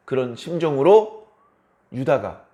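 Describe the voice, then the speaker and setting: A male pastor preaching a dawn service sermon, telling the story dramatically and acting out quoted lines with big rises and drops in pitch and loudness. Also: very animated, unhurried.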